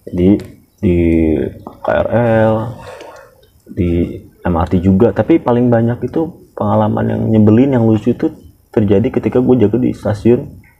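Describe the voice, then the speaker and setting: A man's voice: lowish voice, moderate pace, creaky, husky. Slangy man telling stories. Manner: animated storyteller, blunt slang and swearing. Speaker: security guard telling stories. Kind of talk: casual podcast chat. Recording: dull lo-fi recording.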